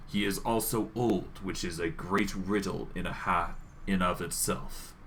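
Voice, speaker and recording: A man's voice: low voice, bright, forceful tone, slight background noise. A man voicing a proud, scornful old undead lich from a game, with a dry voice and pompous, formal delivery. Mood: dismissive. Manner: pompous, slow-burning disdain, formal diction. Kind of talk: acted reading of video game dialogue.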